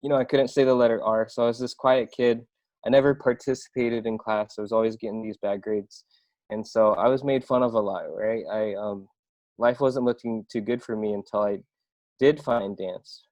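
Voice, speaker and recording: A man's voice: fairly low pitch, steady tone, normal speed, darkish tone, dry recording. A young man from Iowa talking casually as a podcast guest, loose and rambling, full of "I mean" and "right?". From Iowa, USA. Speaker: podcast guest, marketing agency owner. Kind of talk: casual interview talk.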